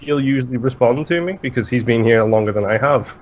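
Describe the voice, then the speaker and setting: A man's voice: medium pitch, a little fast. Chatty Englishman on a lo-fi podcast mic. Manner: rambling, animated, swears freely. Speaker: podcast co-host. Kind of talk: casual chat. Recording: slightly dull lo-fi sound.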